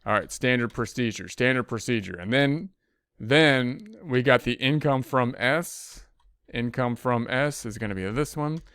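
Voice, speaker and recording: An accounting instructor teaches a lesson over a spreadsheet screen recording, thinking aloud with frequent restarts and fillers. His medium-pitched voice is unhurried, a bit bright, with lively intonation, and the sound is clean, echo-free studio quality.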